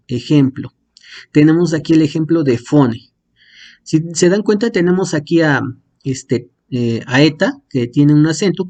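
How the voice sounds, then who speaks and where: A man's voice: fairly high pitch, mellow. A man explaining Greek marks as a teacher, hesitant, with many fillers and restarts, using homely comparisons. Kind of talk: explaining Greek accents to a class.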